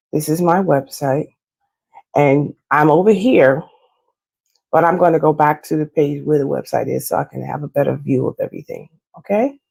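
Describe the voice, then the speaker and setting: Hoarse, gravelly-voiced woman giving a walkthrough. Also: deep voice, warm tone. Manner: chatty and explanatory, with frequent fillers. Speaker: loctician walking clients through her website. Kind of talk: casual screen-share walkthrough.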